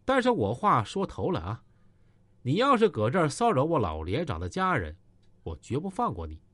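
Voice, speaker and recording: A man voicing a cold, menacing tough man who speaks low and steady. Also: normal speed, no room sound, full character voice. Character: cold tough middle-aged man, gangster ex-soldier.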